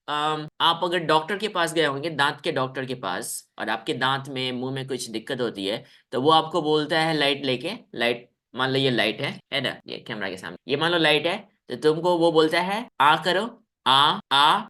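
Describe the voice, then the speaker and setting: A man's voice: fairly high pitch, bright, forceful tone. A man teaching children in a live online class over a video call, coaxing them, checking in often and demonstrating sounds.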